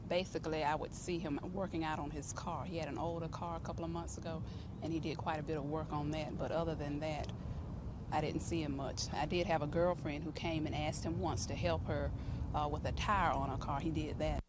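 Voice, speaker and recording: An American man, a neighbor interviewed for local news, speaks casually in a fairly high but flat voice. He is plain-spoken and matter-of-fact. Clear street noise surrounds him outdoors. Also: a little fast.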